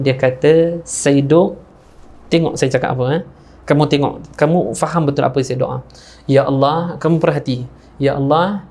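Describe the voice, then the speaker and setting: A man preaching in a Malaysian Malay accent, telling a story in an animated way and acting out the people in it. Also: gravelly. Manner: animated storyteller, acting out characters with raised pitch. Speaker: ustaz preacher. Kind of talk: sermon storytelling.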